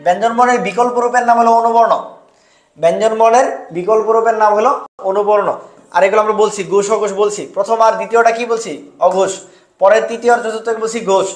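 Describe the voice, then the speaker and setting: A man's voice: sits high, reverberant. A man tutoring students for a university entrance exam, drilling answers over and over and quizzing them. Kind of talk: online exam-prep lesson.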